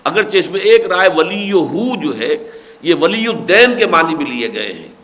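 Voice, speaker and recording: A man's voice: on the high side, very animated, fairly bright tone. An older man giving a religious lecture, reciting Arabic verses and then explaining them patiently. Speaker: Quran scholar giving tafseer.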